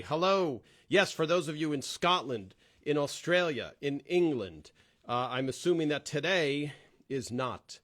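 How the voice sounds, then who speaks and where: A man's voice: mid-range voice, bright, forceful tone. A man hosting a casual live-stream chat for fans, greeting viewers by name with lots of fillers, into a plugged-in microphone. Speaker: host of a live fan stream.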